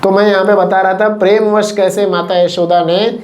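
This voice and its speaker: A man telling a devotional story as a sermon to listeners, lively and animated, acting out quotes along the way. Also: sits high, moderate pace. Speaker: kirtan storyteller.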